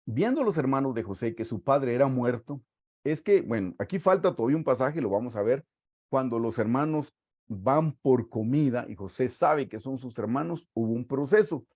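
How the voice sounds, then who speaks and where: A man's voice: mid-range voice, animated, a little mellow, no echo, clean studio sound. Emphatic Guatemalan man preaching. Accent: Guatemalan Spanish. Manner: preaching, reading scripture aloud with slow emphatic stresses. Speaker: pastor. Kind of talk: sermon.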